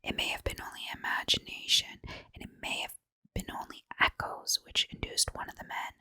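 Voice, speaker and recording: An ASMR story reader, a woman, tells a horror tale in a soft, breathy whisper that is entirely unvoiced. Her hushed, deliberate phrasing is captured close to the mic in a dry space with no echo, sounding very crisp and sibilant.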